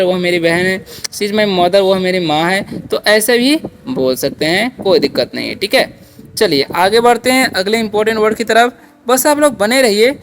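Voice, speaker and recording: A woman's voice: mid-range voice, slight background noise. A woman teaching beginner English phonics patiently, repeating each word and asking questions back.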